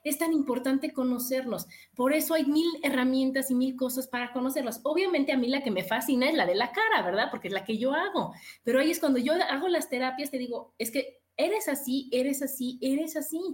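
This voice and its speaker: A woman therapist speaks as a podcast guest in a clearly high voice. She explains her ideas earnestly, in a teaching tone, and drives her points home by repeating short phrases. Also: animated, quick pace. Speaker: face-reading therapist, guest. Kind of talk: casual chat.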